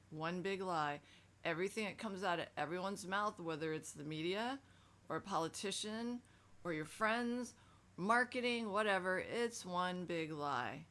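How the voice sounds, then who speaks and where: Low-voiced woman giving candid self-help talk. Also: fairly bright tone. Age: middle-aged. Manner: conversational and emphatic, with frank swearing. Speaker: self-help video host. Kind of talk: casual self-help monologue.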